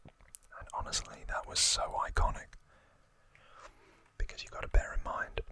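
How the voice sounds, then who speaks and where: At a normal speed, this ASMR host whispers up close to the microphone with a pushed, bright quality. The host delivers stories and trivia as a relaxed, conversational recap, repeating words for effect.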